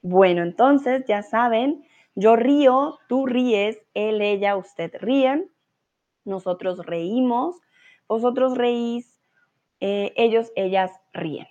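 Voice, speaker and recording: A woman's voice: fairly high pitch, slow pace, dark tone, lo-fi sound. A Colombian woman teaching a live online Spanish lesson, patient and encouraging, dropping into English and German to explain.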